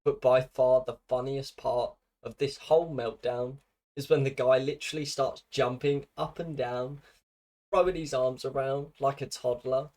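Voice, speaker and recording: A man's voice: mid-range voice, steady tone, normal speed, darkish tone. A British man narrating a commentary video in a dry, mocking way, with scripted sardonic remarks.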